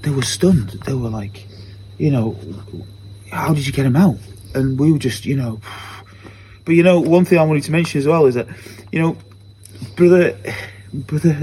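An earnest man gives a spoken church testimony in a mellow, warm voice, circling back to repeat his phrases as he tells it. Faint noise sits under the recording. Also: medium pitch. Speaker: church member giving a testimony.

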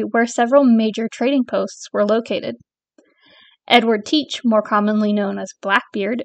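A woman from northern England hosting a podcast, reading prepared segments in a measured, informative way. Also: on the high side, no room sound. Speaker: podcast host. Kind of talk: scripted podcast narration.

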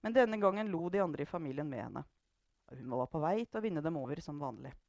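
A woman reading a novel aloud in measured narration. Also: low voice, animated, creaky, a little mellow, no room sound, highs cut off. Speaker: reader. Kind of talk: book reading.

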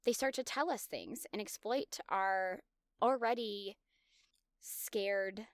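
A podcast host in her thirties tells her own story in a candid, confessional, self-reflective monologue. Her mid-range voice moves slowly, recorded at studio quality with no echo.

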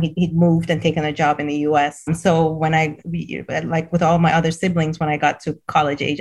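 Middle-aged woman from cameroon chatting as a guest, lowish voice, laughs a lot, repeats words. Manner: warm storytelling, frequent laughs and repeated words. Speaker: guest, school CEO. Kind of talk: casual interview conversation.

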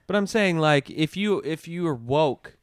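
Casual podcast co-host, male, crude teasing banter, lively and smooth voice. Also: a little high, a little slow, no room sound, clean studio sound. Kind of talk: casual comedic chat.

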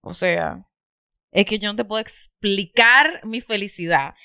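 A woman's voice: medium pitch, a little slow, vocal fry, clean tone, dry recording, studio quality. A woman chatting casually as a co-host, telling stories with laughs and exclamations. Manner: animated storyteller, exclaims and laughs often. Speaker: podcast co-host. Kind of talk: casual chat.

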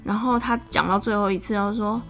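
A woman in her thirties with a Taiwanese Mandarin accent, telling a story about her child in a casual, animated way, often laughing. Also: medium pitch, fairly quick. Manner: chatty, animated, laughs often, voice rises when exasperated. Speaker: podcast host, mother.

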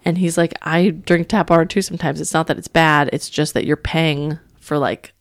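A woman's voice: sits low, fairly even intonation, normal speed, dry recording, clean studio sound. A woman chatting casually as a podcast co-host, giggly and filling her talk with "like" and "um". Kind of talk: casual chat.

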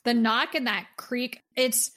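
A woman's voice: on the high side, slow pace, pushed and bright. A woman co-hosting a music podcast, chatting enthusiastically and gushing about a song. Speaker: podcast co-host. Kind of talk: casual music review chat.

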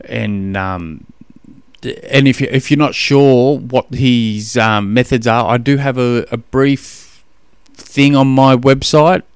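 A man's voice: medium pitch, takes it slowly, clear, resonant tone, no echo, studio quality. A man hosting a podcast, giving coaching advice in a rambling, matey way full of fillers. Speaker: podcast host and running coach. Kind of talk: casual monologue answering a listener question.

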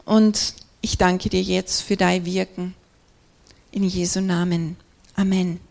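A woman's voice: fairly low pitch, level tone, takes it slowly, gravelly, darkish tone. A woman preaching a sermon, praying and reading scripture in an earnest, conversational way with rhetorical questions.

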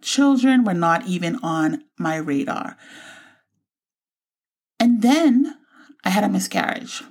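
A woman in her forties from the Bahamas hosts her own show and tells her personal story of faith. Her voice sits a touch low and has a gravelly edge. She speaks in a reflective, heartfelt way. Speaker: podcast host.

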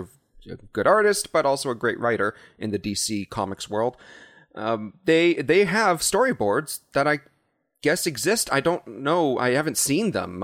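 A young man co-hosts a podcast in an easygoing, talkative way. He laughs often and fills his pauses with "uh" and "um". His voice is recorded close and dry, with no room around it. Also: medium pitch, fairly bright tone, no room sound. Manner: chatty, laughs often, hesitant fillers. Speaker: podcast co-host. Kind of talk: casual chat.

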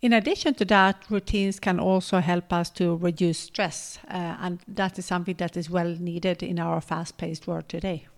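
A woman's voice: lowish voice, fairly even intonation, normal speed, few pauses. A woman co-hosting a podcast, chatting casually and enthusiastically, laughing often. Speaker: podcast co-host.

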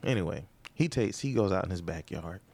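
A man's voice: low-pitched, expressive, brisk, creaky, a little mellow. A man, a comedian hosting his own podcast, rambling through a comedic monologue with sarcastic asides and rhetorical questions.

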